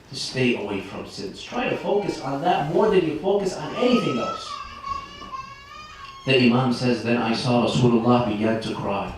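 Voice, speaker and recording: An impassioned male preacher whose voice sits a bit high for a man. He shifts between hushed, low passages and loud, emphatic ones. He is picked up from a distance in a very echoey hall, with a faint hiss underneath. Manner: impassioned, wide swings between soft and emphatic. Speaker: religious speaker. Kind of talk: sermon.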